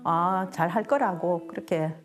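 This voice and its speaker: A woman's voice: on the low side, unhurried. A middle-aged woman talking about her own life as a guest in an interview. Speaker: interview guest, maternity nurse. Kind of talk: personal interview talk.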